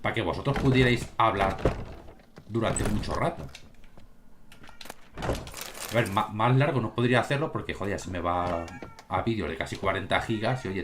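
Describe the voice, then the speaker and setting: A man's voice: lowish voice, moderate pace, long pauses. A man with a Spain Spanish accent gives casual gameplay commentary, swearing freely and speaking straight to his viewers from home. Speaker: gaming streamer. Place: home room with cats. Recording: home recording with steady background noise.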